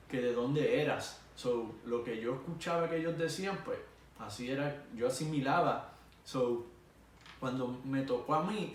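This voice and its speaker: A young man with a Puerto Rican Spanish accent tells a story in a casual, animated way and acts out the voices of people yelling. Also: mid-range voice. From Puerto Rico. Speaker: vlogger. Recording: echoey room from far off, faint noise.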